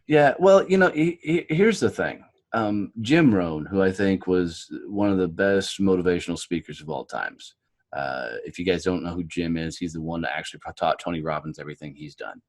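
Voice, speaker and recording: An American man telling his story as a podcast guest, blunt and animated, swearing freely. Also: sits low, normal speed. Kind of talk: candid interview storytelling.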